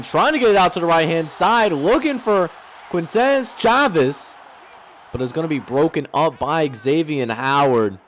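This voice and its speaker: A man's voice: medium pitch, a little hiss or hum. A man commentating his own football video game like an announcer, in play-by-play style, stretching key words on big plays.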